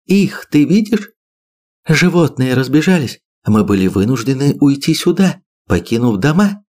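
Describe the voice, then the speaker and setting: A man reading an audiobook, voicing a fierce middle-aged woman biologist who shouts in heated, shrill bursts. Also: very animated, moderate pace. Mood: angry.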